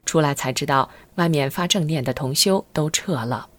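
A middle-aged woman reading aloud a first-person testimony in an earnest, steady storytelling manner. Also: low voice, moderate pace. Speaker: narrator of a personal account.

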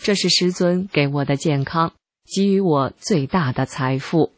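A narrator calmly reading a first-person testimony article in steady scripted narration. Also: medium pitch, a little slow, dry recording.

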